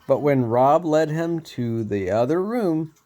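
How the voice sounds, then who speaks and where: A man reading a storybook aloud, unhurried, with small slips he laughs off. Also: a little high, animated, warm tone.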